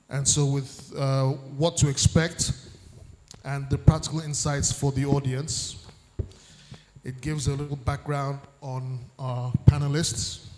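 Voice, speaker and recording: A man moderating a conference panel, reading the panelists' bios aloud in a measured way with dry asides. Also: medium pitch, darkish tone. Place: large conference hall. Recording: echoey hall with long reverb.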